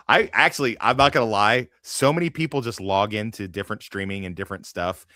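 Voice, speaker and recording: Low-voiced, profane male podcast host. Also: fairly quick, bright, forceful tone, no room sound, studio quality. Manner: profane, rambling, laughs often. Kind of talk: casual panel chat.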